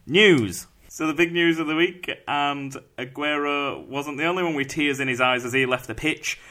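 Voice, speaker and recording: A man's voice: fairly high pitch, fairly even intonation, moderate pace, bright, forceful tone. A man hosting a casual podcast, joking and laughing with his co-host. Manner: jokey, laughs a lot. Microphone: headset.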